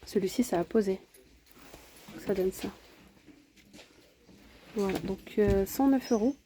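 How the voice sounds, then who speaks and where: Casual woman vlogger, mellow tone, chatty store walkthrough on a phone. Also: mid-range voice, takes it slowly, slight background noise. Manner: chatty, lists prices and sizes, frequent fillers. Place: large home improvement store, indoors.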